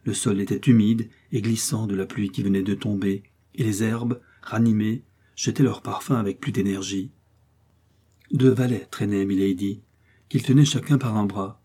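A man giving a measured, dramatic scripted narration of a classic novel as an audiobook reader. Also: fairly low pitch, steady tone, mellow, husky.

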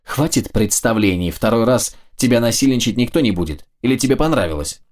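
A man voicing a touchy, sharp-tongued young woman in a storybook reading. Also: medium pitch, expressive, brisk, natural voice. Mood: indignant.

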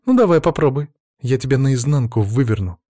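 A man voicing a high, sarcastic fiery young woman. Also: animated, normal speed, mellow, dry recording, clean studio sound. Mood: defiant. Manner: sarcastic, scolding.

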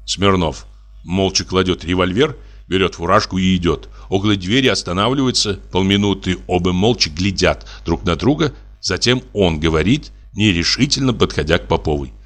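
A man narrating, reading the stage directions of a play in a low, matter-of-fact way. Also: moderate pace, a bit bright.

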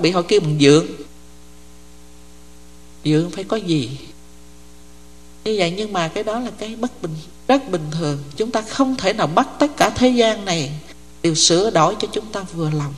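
Older female nun, mid-range voice, conversational sermon with frequent check-ins, long hall reverb. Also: mid-range voice. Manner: conversational, often checks the audience follows. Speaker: Buddhist nun teaching. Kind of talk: dharma talk.

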